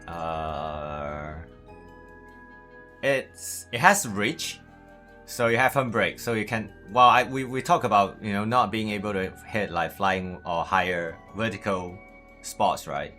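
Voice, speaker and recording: Malaysian accent guy on a game stream, lowish bright voice, casual and stumbly, bit of music behind. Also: takes it slowly. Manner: hesitant, repeats words, often says "man". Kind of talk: casual livestream gaming chat.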